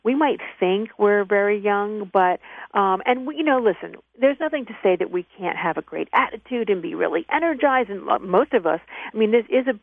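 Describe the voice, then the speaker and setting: A woman in her fifties, an author and actress, chatting as a radio interview guest, self-mocking and full of animated stories. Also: medium pitch, brisk, creaky, no room sound. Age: 50s. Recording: dry tinny phone-line sound.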